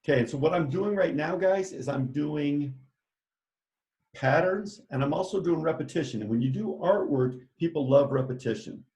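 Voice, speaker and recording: A man's voice: a little high, moderate pace, darkish tone. A man teaching a children's art lesson, talking chattily and enthusiastically as he walks them through each step. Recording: echoey room.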